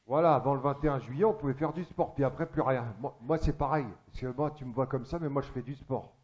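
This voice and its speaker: A man's voice: mid-range voice, fast, a little mellow, highs cut off. A man doing a stand-up comedy monologue on a theatre stage, chatty and crude, teasing the audience.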